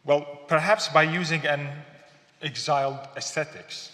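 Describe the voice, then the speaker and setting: A man's voice: a little high, steady tone, sharp tone. Syrian guy giving a talk in a gallery hall, lots of uhs and restarts, big echoey room with long reverb. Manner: thoughtful, halting, with fillers and repeats. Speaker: artist giving a symposium talk. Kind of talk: public lecture.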